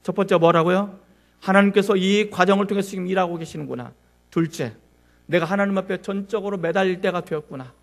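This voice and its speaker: A man preaching a sermon in church as pastor, emphatic, acting out complaints and prayers and leading the congregation in reading aloud. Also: high voice. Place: church sanctuary.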